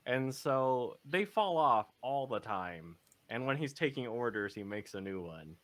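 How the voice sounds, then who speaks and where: A man's voice: medium pitch, lively intonation, unhurried, fairly bright tone. A man playing a tabletop role-play game, casually narrating his character's morning with rambling restarts. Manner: rambling, with many restarts and laughs.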